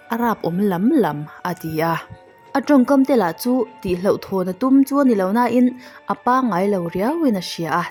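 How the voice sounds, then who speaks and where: A woman's voice: medium pitch, a little mellow. A woman narrator telling a true-crime story in a storytelling style. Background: faint music.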